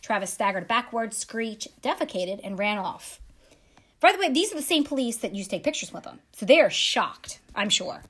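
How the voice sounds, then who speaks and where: A woman's voice: fairly high pitch, very animated, normal speed, slightly rough. A woman podcast host retelling a true crime story with wry side comments. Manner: dramatic retelling with wry asides.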